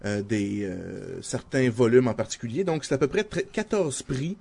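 A man's voice: medium pitch, moderate pace, creaky, husky. A man with a Québécois French accent, co-hosting a casual podcast chat and laying out facts with frequent hesitations. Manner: relaxed, presents facts with many hesitations. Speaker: podcast co-host.

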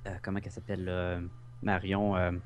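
A man's voice: low voice, monotone, brisk. A man with a Québécois accent co-hosting a casual chat about comics and films, often tripping over names and joking about it. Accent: Québécois French. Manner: stumbling over names, self-mocking. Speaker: podcast co-host.

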